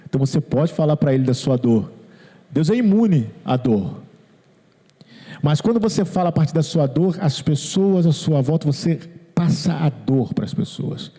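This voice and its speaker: A man's voice: on the high side, expressive, moderate pace, mellow. A man, preaching a sermon as pastor, earnest and repeating his phrases, quoting people in their own words. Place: church hall. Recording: long hall reverb.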